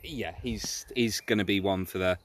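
A man's voice: sits low, moderate pace. A British man co-hosting a casual football podcast, giving his opinions in a blokey way and often repeating words as he goes.

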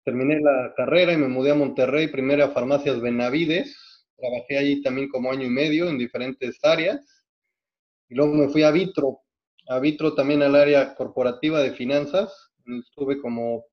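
Mexican man, mid-pitched, steady and methodical, frequent restarts, dull lo-fi sound; podcast guest. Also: moderate pace. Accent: Mexican Spanish. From Mexico City. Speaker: guest, hospital executive. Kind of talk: podcast interview, recounting career.

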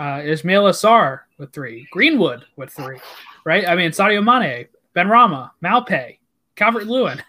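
Guy with a high voice chatting football, rattling off fixtures. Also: sharp tone. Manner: chatty, reads out lists of fixtures and scorers. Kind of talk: casual sports chat.

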